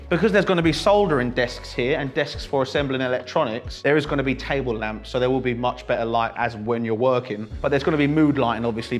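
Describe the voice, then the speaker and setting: A British man hosting a casual vlog tour of a building under renovation, talking in an enthusiastic, jokey, exclamatory way. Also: mid-range voice. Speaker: vlog host.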